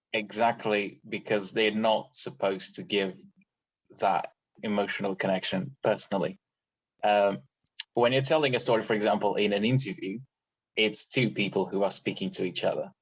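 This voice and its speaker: A man with a fairly low voice speaks up in a workshop held over a video call. He explains his point thoughtfully, building it up step by step with examples. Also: husky, low-quality recording. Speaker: workshop participant.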